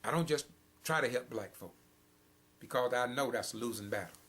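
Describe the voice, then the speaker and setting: Impassioned older preacher-host. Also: male voice, medium pitch, normal speed, fairly bright tone. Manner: preachy, emphatic, rising and falling intensity. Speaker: program host. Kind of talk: impassioned spoken commentary.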